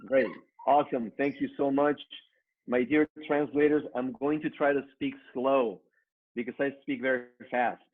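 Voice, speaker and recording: A middle-aged man with a Mexican accent gives an upbeat, motivational business presentation online, speaking directly to his audience as a training speaker. His medium-pitched voice is steady and normal in speed, carried over narrow, phone-like call audio.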